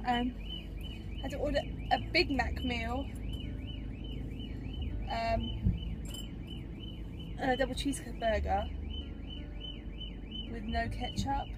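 A young British woman vlogs casually from her car, rambling conversationally to a dashboard-mounted camera as she drives. Her voice is on the high side and steady, slow with long pauses, over a noisy background.

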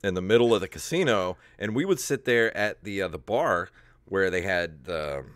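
Podcast host, man, 30s, animated storyteller, low voice, dry close headset. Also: moderate pace, no echo. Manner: animated storyteller, laughs often. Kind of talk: casual chat. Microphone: headset on video call.

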